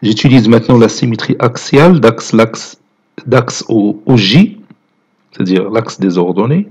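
A man's voice: mid-range voice, unhurried, a little mellow, husky. A man with a Moroccan accent teaching math, explaining a graph step by step and mixing French with Moroccan Arabic. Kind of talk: lecture.

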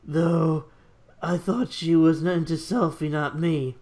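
An amateur reader voicing a cool, confident male rival racer in a fan-fiction reading, with a mostly flat delivery. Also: medium pitch, takes it slowly, pitched below the performer's own voice, close to an everyday voice. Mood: musing.

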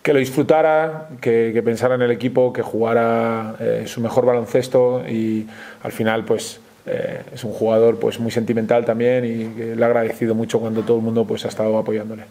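Spanish male coach at a presser, flat delivery, mellow and warm, hesitant. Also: mid-range voice. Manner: measured, frequent hesitations and restarts. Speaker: basketball coach. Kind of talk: post-game press conference.

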